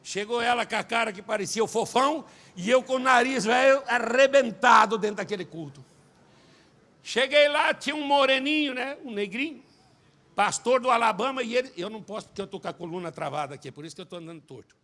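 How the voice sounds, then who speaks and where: A Brazilian man preaches in a church, his voice pitched high with a gravelly edge. He tells his story with lively, forceful delivery, acting out the scenes and breaking into shouts. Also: fairly quick. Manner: animated storyteller, acts out quotes, shouts at climaxes. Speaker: pastor and singer. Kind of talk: sermon with personal testimony. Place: church service.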